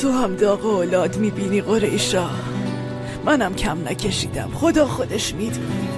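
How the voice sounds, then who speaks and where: A woman playing a gentle elderly mother. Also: medium pitch, expressive, loud music behind the voice, lightly acted. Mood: concerned. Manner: soft, probing questions.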